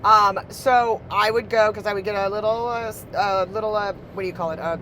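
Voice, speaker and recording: A woman's voice: medium pitch, steady tone, a little fast, a bit bright. Gushing woman over a noisy background. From Texas. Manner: gushing, swears casually. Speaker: podcast guest. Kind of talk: casual chat.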